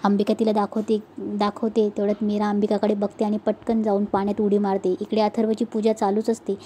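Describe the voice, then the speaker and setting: A woman's voice: medium pitch, monotone, brisk, dark tone, a little hiss or hum. A woman narrating a casual recap of a television serial episode, telling it plainly and often restarting her sentences. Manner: plain storytelling with frequent restarts.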